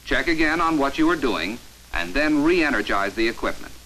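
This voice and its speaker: On a rough old film soundtrack with slight background noise, an American man gives scripted instruction for a 1950s training film. His medium-pitched voice is expressive and sharp, his announcer manner authoritative, measured and emphatic.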